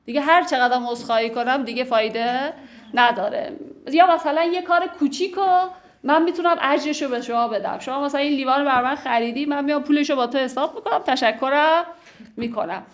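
A woman teaching classical poetry, explaining the lines in a chatty way and reciting the verses slowly and with care. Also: high-pitched. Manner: slow, measured recitation of verse, lively conversational explanation.

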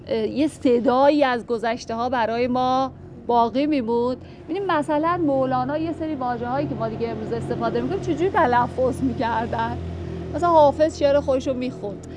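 A woman's voice: high-pitched, noisy background. A woman teaching classical poetry, reading verses aloud and thinking them through as she explains. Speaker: literature teacher.

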